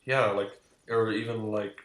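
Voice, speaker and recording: A young man with a lowish voice chats loosely and crudely on a podcast. His talk rambles along with easy laughs. The room around him rings with echo. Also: fairly even intonation, measured pace, a bit bright. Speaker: podcast co-host. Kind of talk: casual chat. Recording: echoey room.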